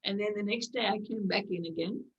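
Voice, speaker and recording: A woman's voice: mid-range voice, fairly quick, dull audio. A woman telling stories with lots of fillers. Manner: animated storyteller, acts out her own quoted lines; many fillers and restarts. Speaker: medical clown. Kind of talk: interview, storytelling.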